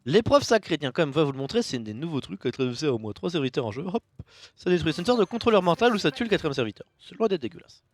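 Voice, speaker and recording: A man commentates a card game match in a loose, joking way. His voice sits fairly high and swings widely, breaking into loud, excited outbursts at big plays. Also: very fast. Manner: excitable, jokey, bursts of loud enthusiasm. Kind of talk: casual esports commentary.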